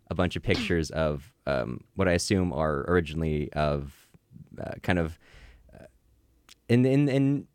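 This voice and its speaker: A young man with a deep, low voice talks through a casual co-hosted chat. He rambles, often restarting and filling pauses, and the sound is close and dry with no room echo. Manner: rambling, many fillers and restarts. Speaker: podcast co-host.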